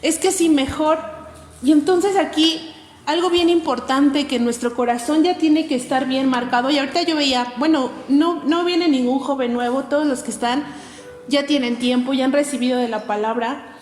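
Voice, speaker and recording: High-voiced woman preaching in an echoey hall. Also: moderate pace, a little mellow. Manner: earnest, conversational, many fillers. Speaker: youth preacher. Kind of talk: youth sermon. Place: church hall. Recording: echoey hall with faint ambience.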